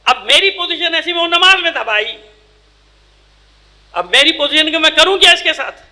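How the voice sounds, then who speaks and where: A male cleric delivering a sermon at a mourning gathering, emphatic and scolding, firing rhetorical questions and swinging between loud outbursts and low asides. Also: lively intonation, noisy background. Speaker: Shia cleric giving a majlis. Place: imambargah during a mourning gathering.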